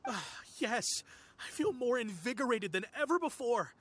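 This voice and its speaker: A man's voice: very high voice, very animated, moderate pace, fairly bright tone, exaggerated voice. A man voicing a nervous, superstitious young client who stammers and hesitates, heard over game music. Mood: relieved.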